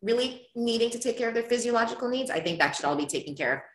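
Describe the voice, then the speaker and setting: A woman's voice: on the high side, animated, racing. A woman from Ethiopia speaking earnestly and passionately as a podcast guest. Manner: earnest, impassioned. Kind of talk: conversational interview. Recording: roomy echo.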